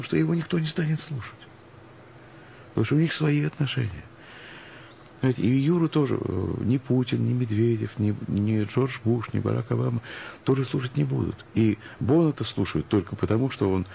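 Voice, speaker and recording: A man with a gravelly, warm mid-range voice talks fairly quickly with lively intonation, and there's slight background noise. He's a music professional appearing as a guest on a radio interview, musing and ironic, building his points from anecdotes and examples.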